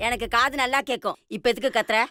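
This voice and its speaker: An actress playing a scheming, quarrelsome old grandmother in a TV serial, with a shrill, mocking manner and wailing exclamations. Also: fast, sharp tone. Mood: scornful. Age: older. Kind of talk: TV serial acting. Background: music.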